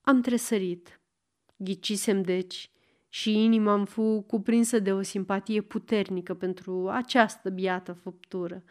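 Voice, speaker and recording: Woman with a measured storytelling voice. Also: mid-range voice, fairly even intonation. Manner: measured reading with long pauses between phrases. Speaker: narrator. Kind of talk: audiobook narration of a short story.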